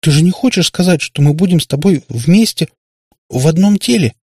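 A man's voice: fairly high pitch, fairly quick, darkish tone, slightly rough, dry recording, pitched above the performer's own voice. A man voicing a small, frightened girl who stammers and pleads, close to tears. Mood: frightened, tearful.

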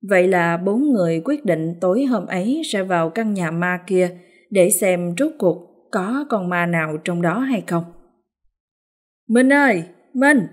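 Brief: female storyteller, scripted narration, lower register. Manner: even, storytelling.

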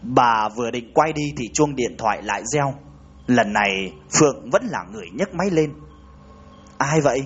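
A man's voice: expressive, normal speed, husky. A man reading a ghost story aloud, raising his voice for the frightened women's lines. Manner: reads dialogue with raised, urgent pitch for women's lines. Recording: dull lo-fi recording.

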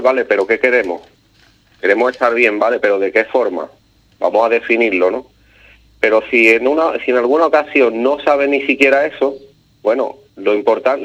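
A man with an Andalusian Spanish accent tells stories in a halting, filler-heavy way. His voice sits at an ordinary middle pitch. It comes through a dull, lo-fi phone line. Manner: hesitant, many fillers and restarts. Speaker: radio guest telling stories. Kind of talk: casual storytelling on radio.

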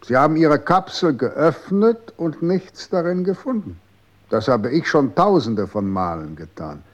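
An actor playing a cold, condescending official in a 1960s radio drama, calm and authoritative. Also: male voice, a little high, measured pace.

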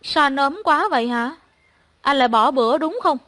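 A woman voicing a distraught young woman who shouts and cries, hiding her scarred face. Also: moderate pace. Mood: tearful. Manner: shrill and shouting. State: crying.

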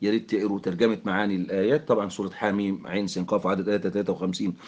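Egyptian man, lower voice, brisk explanatory teaching delivery, English terms mixed in. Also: level tone, a little mellow, husky, highs cut off. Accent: Egyptian Arabic. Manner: explanatory, mixes English terms, frequent fillers. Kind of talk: English grammar lesson explained in Arabic.

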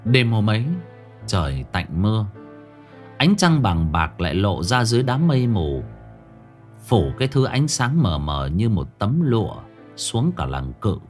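A man's voice: on the low side, sing-song, measured pace, a little mellow, faint music behind. A man narrating a ghost story in a dramatic storytelling manner.

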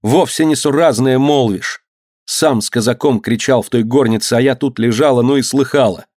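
A man's voice: mid-range voice, normal speed, darkish tone, no echo, clean studio sound, voice pushed up, close to an everyday voice. A man reading an audiobook, voicing a proud, defiant merchant's wife who stands up to her husband.

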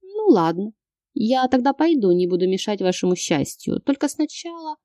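A woman's voice: medium pitch, expressive, normal speed, warm tone, no room sound, clean studio sound, natural voice. A woman reading an audiobook, voicing a scheming wife with a sing-song, mocking manner.

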